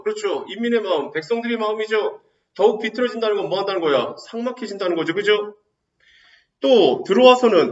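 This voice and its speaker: A male teacher giving an exam-prep lecture, quizzing students with rapid rhetorical questions and answering them himself. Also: sits high, reverberant, distant mic, highs cut off. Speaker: Korean literature teacher.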